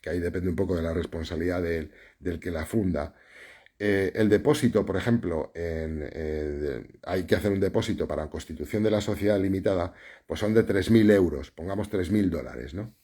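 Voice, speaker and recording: Man, low voice, husky, casual live stream Q&A, explanatory, lots of fillers. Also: normal speed, mellow. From Spain. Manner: conversational, explanatory, many fillers and tag questions. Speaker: journalism teacher answering live questions.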